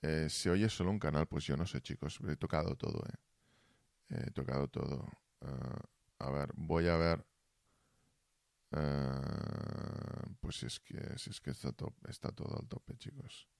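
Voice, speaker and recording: Casting: deep-voiced male streamer, casual and fumbling with his mic, close dry sound. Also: measured pace, vocal fry, darkish tone, no room sound. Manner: fumbling with audio gear, asking chat for feedback. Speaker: Twitch streamer. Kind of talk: casual live-stream chat. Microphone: desk mic, then built-in computer mic.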